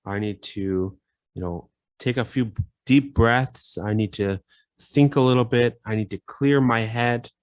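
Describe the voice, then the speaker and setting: A man teaching a casual English vocabulary lesson, repeating phrases and filling pauses with "you know". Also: medium pitch, no room sound.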